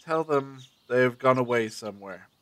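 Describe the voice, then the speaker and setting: A man playing a brisk, secretive time-travelling adventurer in an audio drama, with a commanding, theatrical, abrupt manner. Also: mid-range voice, no echo, lightly acted.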